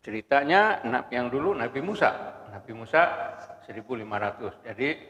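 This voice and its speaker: A man's voice: mid-range voice, very animated, normal speed, a bit bright. A man giving a humorous Quran exegesis lecture in a mosque, asking rhetorical questions and chuckling often. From Brunei. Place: mosque hall. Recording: muffled lo-fi recording with long hall reverb.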